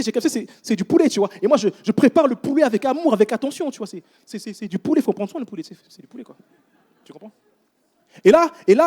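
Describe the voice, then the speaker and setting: A man in his thirties preaching a sermon in church, telling stories with casual asides to the congregation. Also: extremely high pitch. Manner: animated storytelling with casual asides.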